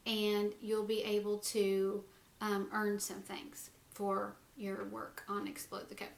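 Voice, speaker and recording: A woman's voice: mid-range voice, completely flat delivery, slow pace, gravelly, reverberant. A middle-aged woman teaching a phonics lesson to young children from home, patiently sounding out letters and syllables.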